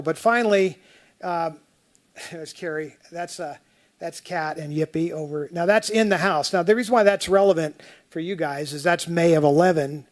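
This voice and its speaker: A man testifying as the appellant at a tax appeal hearing, walking through slides in a rambling, conversational way and often restarting his sentences. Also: fairly high pitch.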